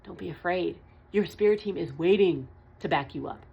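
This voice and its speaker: On the low side and at a normal pace, a woman speaks with vocal fry and a husky texture, her highs cut off in the recording. She's a tarot reader channeling a message in a spiritual vlog monologue, earnest and emphatic, repeating her points and swearing casually.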